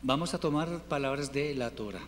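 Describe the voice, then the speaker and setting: A man teaching a Hebrew class, patiently drilling word forms and repeating them slowly for his students. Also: medium pitch. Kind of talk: classroom lesson. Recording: reverberant room with faint noise.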